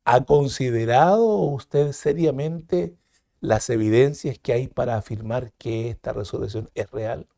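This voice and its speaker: A man with a Peruvian Spanish accent teaching a Sunday school lesson, leading listeners through call-and-response repetition and leaping up in pitch on the counts. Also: measured pace, gravelly, warm tone, no room sound, clean studio sound. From Peru. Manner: leads repetition drills, jumps high on counts; addresses listeners as "hermanos".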